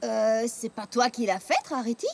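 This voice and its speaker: A woman voicing a down-to-earth, sceptical young female pony in an animated cartoon dub, plain-spoken and doubtful. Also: a little high, moderate pace, creaky, very noisy.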